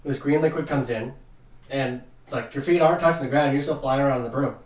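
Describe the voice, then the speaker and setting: A man narrating a tabletop game casually as game master, often halting as he searches for words. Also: medium pitch. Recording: roomy, distant from the mic.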